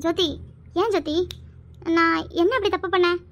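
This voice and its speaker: A high-voiced performer playing a loyal, righteous young woman who speaks earnestly and firmly. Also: steady tone, moderate pace, fairly bright tone, dull audio. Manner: earnest, then stern.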